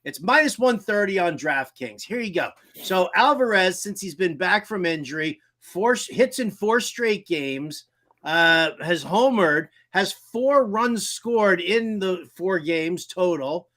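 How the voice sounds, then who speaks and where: A man co-hosting a sports betting show, joking and self-mocking in casual chat before giving his picks. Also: high voice. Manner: animated, self-mocking, quick to joke and laugh. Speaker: co-host, betting analyst.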